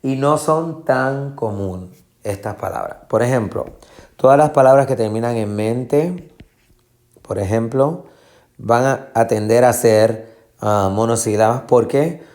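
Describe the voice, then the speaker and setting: A man teaching a Spanish lesson, explaining patiently and repeating words slowly to show where the stress falls, with English fillers mixed in. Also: mid-range voice, a little mellow. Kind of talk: classroom lesson.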